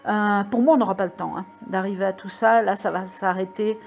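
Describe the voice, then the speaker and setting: Speaking into a mic on her own channel, a female host rambles casually at her viewers, full of filler words and forceful warnings. Her mid-range voice carries vocal fry, fairly even intonation and a brisk pace. The lo-fi recording has slight background noise, and computer mail alerts sound behind her.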